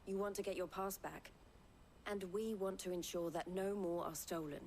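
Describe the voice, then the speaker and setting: An actress playing a composed, formal woman trader in a video game, speaking in a measured, persuasive way. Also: medium pitch, fairly even intonation, darkish tone, slight background noise, close to an everyday voice. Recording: game audio with music underneath. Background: game music.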